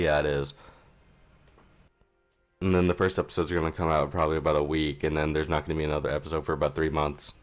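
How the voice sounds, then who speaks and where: A young man giving casual, rambling let's play commentary at home, offhand and self-deprecating, on a modest mic. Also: low-pitched. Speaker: gaming channel host.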